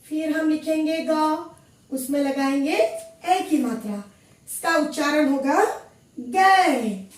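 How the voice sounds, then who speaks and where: Slow, echoey woman teacher. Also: sits high, recorded from a distance. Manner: repeats each word slowly and clearly. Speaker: Hindi teacher. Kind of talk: slow classroom lesson, spelling out sounds. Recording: echoey room, voice from afar.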